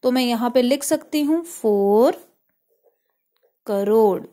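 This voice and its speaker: High-voiced Indian woman teaching math. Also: slow pace, mellow. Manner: explains step by step, asks "clear?" often; mixes English terms into Hindi. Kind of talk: online math lesson.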